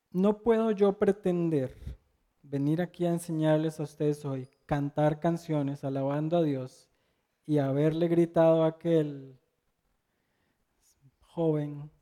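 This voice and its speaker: A man's voice: a little high, fairly even intonation, takes it slowly, pauses often, warm tone. A middle-aged man preaching a sermon, telling a personal anecdote in a conversational storytelling way with rhetorical questions.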